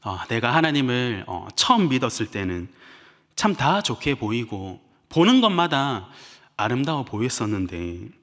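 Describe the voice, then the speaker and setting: A man preaching in a church sanctuary. His pitch rises and falls in a lively way as he acts out everyday moments and drops in playful sound effects. A long hall reverb trails after each phrase. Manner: animated, acts out little scenes with sound effects and laughs. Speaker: pastor. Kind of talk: sermon.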